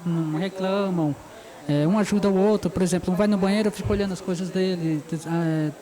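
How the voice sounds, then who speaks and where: A fairly high-pitched man in his forties, from São Paulo, speaking in a relaxed, chatty way as an interview guest. He laughs often while telling his stories. A busy crowd murmurs around him in the open air. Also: a little fast, poor audio. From São Paulo, Brazil. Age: 40s. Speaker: guest caricaturist. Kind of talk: casual interview. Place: outdoor square with a street fair. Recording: busy outdoor crowd noise.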